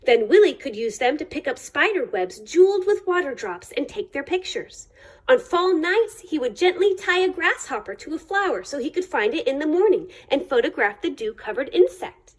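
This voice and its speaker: Here a female library staffer performs an expressive read-aloud of a children's picture book. Her voice is high, and she shapes the story with swooping, lively intonation and dramatic, deliberate phrasing.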